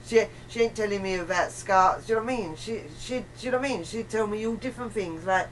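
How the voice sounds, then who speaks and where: A woman with a mid-range voice chats fast and casually, rambling, emphatic and colloquial, often acting out snippets of reported dialogue. The mic is distant, with faint room noise.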